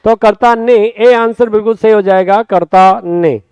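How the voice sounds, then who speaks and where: A man with a Rajasthani Hindi accent runs an exam-prep lesson in a high, smooth, resonant voice. He talks in a lively way, drawing out words and calling his students friends. The sound is dry and close, with no room echo. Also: measured pace, muffled recording. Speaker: Hindi exam coaching teacher. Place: classroom or studio.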